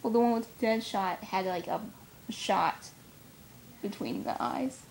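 A woman's voice: medium pitch, animated, a little slow, vocal fry, a little mellow, slight background noise. A young woman co-hosting a casual fan chat, rambling and giggly as she speculates. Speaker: comic fan co-host.

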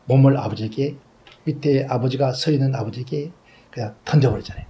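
Male pastor, sermon storyteller, acts out dialogue, wide loud-to-soft swings. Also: medium pitch, a little fast, dull audio, a little hiss or hum. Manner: swings between loud exclaims and soft trailing asides.

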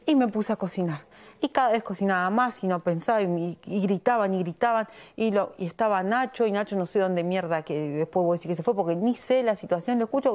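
A woman's voice: medium pitch, darkish tone. A woman with an Argentine accent, a reality show contestant in a heated argument, insistently checking that she is understood. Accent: Argentine Spanish. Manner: insistent, keeps asking "¿entendés?".

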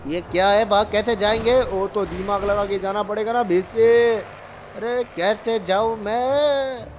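On his gaming channel, a man gives playful commentary with character voices, teasing and exclaiming excitedly. His pitch sits high, his pace is measured, and slight background noise can be heard.

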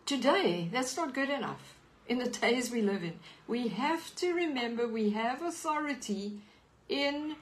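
A woman with a South African accent preaches an earnest teaching sermon over a live stream. Her voice sits a little high, and she reads scripture aloud as she teaches. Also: lively intonation, unhurried, a little hiss or hum, rough recording.

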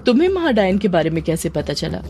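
A woman voicing a jealous, sharp-tempered young woman who speaks bossily in a Hindi horror audio story. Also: lowish voice, sing-song, fast talker, soft background music. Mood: irritated. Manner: snappish, bossy.

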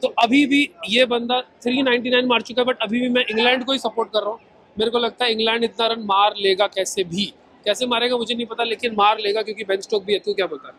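A man in his thirties chatting excitedly in a casual vlog, filming himself outdoors with an action camera at arm's length. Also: extremely high pitch, fast talker, rough recording. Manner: chatty, excitable cricket talk. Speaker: vlogger. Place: outdoors in a stadium stand and a street.

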